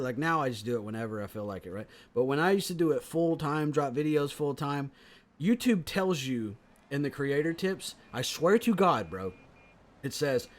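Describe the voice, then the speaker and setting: A man hosting a casual comedy podcast, talking in rambling, profane tangents. He is also an impressionist. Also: fairly high pitch.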